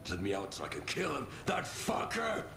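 An actor playing a furious trapped male cult leader in a video game, shouting curses and threats. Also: fairly low pitch, huge pitch swings, normal speed, creaky, full character voice. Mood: enraged. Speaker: game character.

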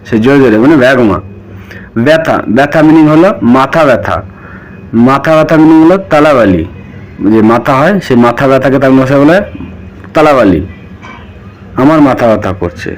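Bengali man teaching words by repetition. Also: mid-range voice. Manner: repeats each word, asks and answers his own questions. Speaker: language teacher. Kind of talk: spoken vocabulary lesson.

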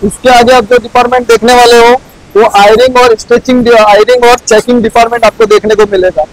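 Casting: young man, high-pitched, plain step-by-step explainer, big factory floor, clip-on mic. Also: level tone, brisk, rough recording. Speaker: factory guide. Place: large indoor garment factory floor.

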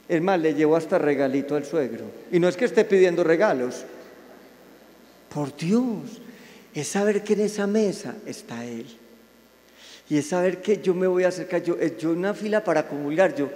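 A man, a Franciscan friar giving a sermon to a live audience, warm and playful, with sudden soft, intimate asides. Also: fairly high pitch. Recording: reverberant hall sound.

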